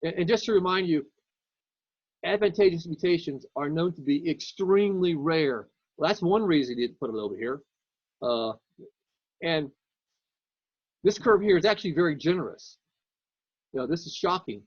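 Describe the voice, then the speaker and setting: A man's voice: a little high, animated, normal speed, pauses often, slightly rough, no room sound. A man giving a casual classroom lecture in a conversational way, often repeating words as he works out his next point, on a dull lo-fi recording.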